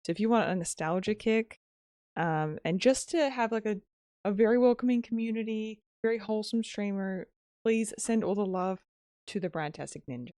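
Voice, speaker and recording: A woman's voice: mid-range voice, mellow, no room sound, clean studio sound. A woman game streamer chatting casually with her viewers while playing, a little sleepy. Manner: chatty, talks to viewers, drawn-out greetings. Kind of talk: casual live-stream commentary while gaming.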